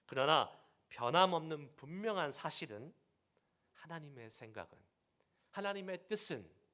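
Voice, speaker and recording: A male pastor preaching a sermon, acting out quoted speech with dramatic shifts between loud and soft. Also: on the high side. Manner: dynamic preaching, voicing God's words in dramatic quotes.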